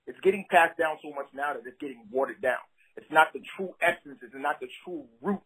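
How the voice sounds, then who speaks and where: A man with a Brooklyn accent and a husky voice, a rapper talking casually in an interview in slangy, streetwise, emphatic phrases. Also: a little high, fairly quick, pushed and bright, poor audio. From Brooklyn, New York City.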